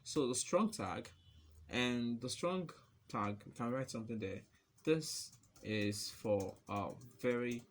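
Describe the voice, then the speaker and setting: A man's voice: mid-range voice, vocal fry, a little hiss or hum. A man giving a casual, chatty coding lesson, joking and laughing at himself as he types and explains. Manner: chatty and playful, laughs at his own jokes. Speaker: coding tutor.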